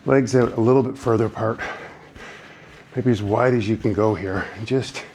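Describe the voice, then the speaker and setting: A man's voice: medium pitch, steady tone, moderate pace, darkish tone, a little hiss or hum. A man leading a beginner trampoline workout, giving encouraging cues and getting out of breath as he bounces. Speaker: fitness instructor. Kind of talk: guided workout instruction.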